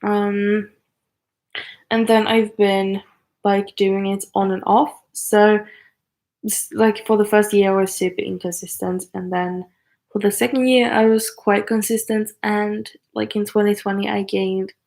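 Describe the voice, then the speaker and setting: A woman's voice: mid-range voice, little pitch movement, a little slow, darkish tone. A woman of twenty chatting casually on a livestream, hesitant and full of fillers and apologies. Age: 20s. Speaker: YouTuber on a livestream. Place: apartment.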